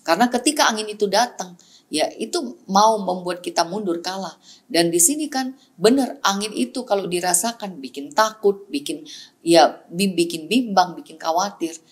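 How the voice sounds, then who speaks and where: Woman pastor preaching with rising, falling emphasis. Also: moderate pace. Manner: repetitive exhortation, calling the congregation "saudaraku"; drops pitch and volume on closing words, rises sharply on repeated key words. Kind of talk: sermon.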